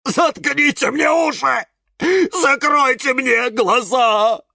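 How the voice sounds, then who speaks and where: A man's voice: very high voice, takes it slowly, creaky, pushed and bright, no room sound, studio quality, voice pushed up, exaggerated voice. A man reading a children's audiobook voices a hysterical male houseplant cactus who shrieks and wails in alarm. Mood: horrified wailing.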